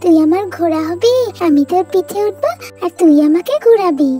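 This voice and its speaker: A woman voicing a mischievous little child in a storybook doll story, calling out in a high, whiny way. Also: expressive, a little fast, mellow, soft background music. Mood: playful. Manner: high childish whining calls.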